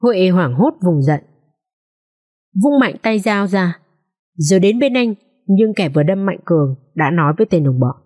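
A woman narrating a dramatic social drama audiobook in an expressive storytelling manner. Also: lowish voice, normal speed, long pauses.

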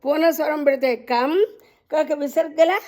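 A woman teaching the alphabet, chanting each letter name slowly and drawing out the sounds, and gently addressing her listeners. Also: sits high, steady tone. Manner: drawn-out chanting of letter names. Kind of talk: slow teaching recitation.

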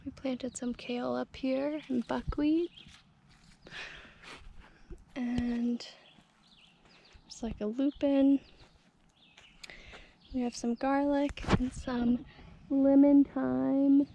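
A young woman talks her way slowly and easily through a garden tour, her voice sitting a little high. She fills her speech with casual fillers. A handheld camera catches her outdoors, with faint country noise behind her. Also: level tone, gravelly, warm tone, muffled recording. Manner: easygoing, chatty, lots of fillers. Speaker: homestead vlogger. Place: outdoors in a rural garden on a hot day. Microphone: handheld action camera.

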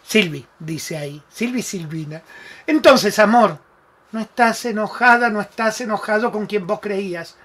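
A man's voice: sits high, a little slow, a bit bright. A man with an Argentine Spanish accent hosting a live-streamed self-help talk, emphatic and affectionate, calling viewers by name. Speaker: spiritual talk show host.

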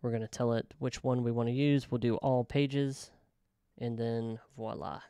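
A man casually talking through a software tutorial, thinking aloud with frequent ums and self-corrections. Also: mid-range voice, fairly even intonation, normal speed, clean tone, no room sound, studio quality. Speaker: web developer tutorial host. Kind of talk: casual screen-recorded software walkthrough.

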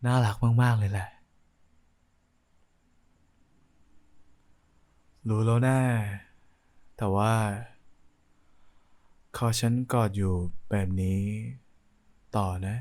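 A young man playing a playful, affectionate boyfriend in an intimate ASMR role-play, talking in a soft, coaxing, teasing way. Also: lowish voice, fairly even intonation, slow pace, long pauses. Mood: tender, affectionate.

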